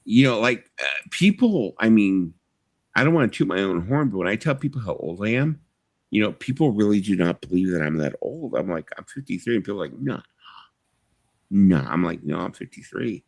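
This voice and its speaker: A man's voice: lowish voice, big pitch swings, a little fast, gravelly, a little mellow, no echo. A man in his fifties hosting a live stream, rambling casually, swearing freely and filling his talk with you-knows. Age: 50s. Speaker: livestream host.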